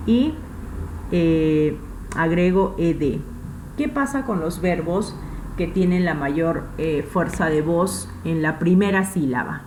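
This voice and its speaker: Slow, low-voiced woman teaching a class. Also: poor audio. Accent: Peruvian Spanish. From Peru. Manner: patient, repeats points with frequent checks. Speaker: English teacher. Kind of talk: recorded online class.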